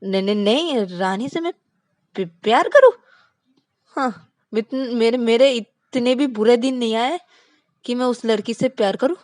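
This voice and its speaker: A woman's voice: fairly high pitch, a little slow, long pauses, darkish tone, no echo, voice pushed up, close to an everyday voice. A woman voicing a young man who is tearful, defensive and stammering, in a told story. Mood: flustered denial. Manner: stammering, pleading.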